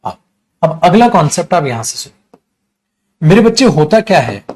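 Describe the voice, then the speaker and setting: A male teacher giving an animated grammar lecture to a class, talking fondly to his students and using dramatic emphasis. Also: fairly high pitch. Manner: animated, addresses students as beta, dramatic pauses.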